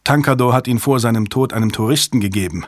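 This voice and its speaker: A male audiobook reader voicing a hurried American conspirator who speaks calmly about killing. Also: medium pitch, no echo, clean studio sound, close to an everyday voice. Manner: rushed, calmly threatening.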